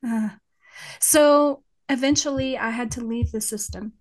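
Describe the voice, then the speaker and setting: A woman with a West Texas twang, speaking as an interview guest in a thoughtful, halting way as she searches for words. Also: fairly high pitch, rough recording. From West Texas, United States. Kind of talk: reflective interview conversation about faith.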